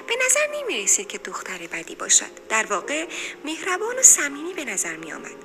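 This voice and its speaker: Expressive woman narrating a story. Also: sits high.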